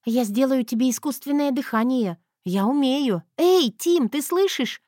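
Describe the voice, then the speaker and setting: A woman voicing an impish, excitable young wife who talks playfully in an audiobook. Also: high-pitched, measured pace, no echo, studio quality, pitched above the performer's own voice. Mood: eager.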